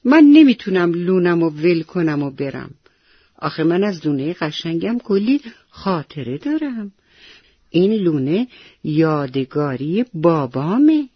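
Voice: medium pitch, big pitch swings, breathy edge, no echo, muffled recording. Tootie, a chatty stubborn parrot lady told in a storyteller's voice. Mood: plaintive. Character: talkative female parrot, stubborn, fond of her nest.

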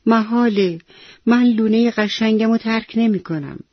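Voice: medium pitch, no room sound, muffled recording, pitched above the performer's own voice, natural voice. Tootie, a chatty stubborn parrot lady told in a storyteller's voice. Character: talkative female parrot, stubborn, fond of her nest.

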